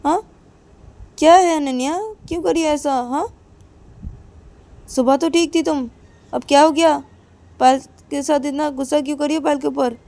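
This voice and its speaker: A woman's voice: on the high side, fairly even intonation, normal speed, warm tone, clear, resonant tone, natural voice. A woman voicing a mother who scolds her daughter and coaxes the daughter's girlfriend in a told story. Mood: scolding. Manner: scolding, coaxing.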